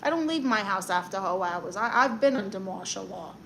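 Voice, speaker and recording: A young Brooklyn woman with a medium-pitched, lively, gravelly voice and a fairly bright tone hosts a livestream, reading viewer comments and shooting back sassy advice and comebacks. She's brassy and quick-witted. A little hiss or hum sits under the audio.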